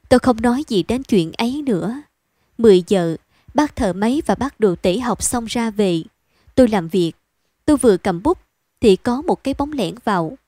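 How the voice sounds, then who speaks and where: A woman reading a bedtime story aloud in a calm, even storytelling manner. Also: on the high side, no echo, clean studio sound.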